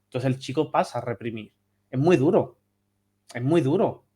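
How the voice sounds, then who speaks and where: A man's voice: mid-range voice, lively intonation, normal speed, dark tone, slightly rough. A man from Spain with a Spanish accent, a therapist speaking passionately and emphatically as a guest on a remote interview. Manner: passionate, emphatic, repeats phrases.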